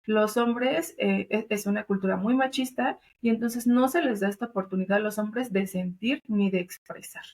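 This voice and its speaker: A woman's voice: mid-range voice, normal speed, few pauses, a little mellow. A woman with a Mexican accent, a doula and thanatologist, explaining earnestly in a conversational interview, with many fillers and tag questions. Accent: Mexican Spanish. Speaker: doula and thanatologist, podcast guest.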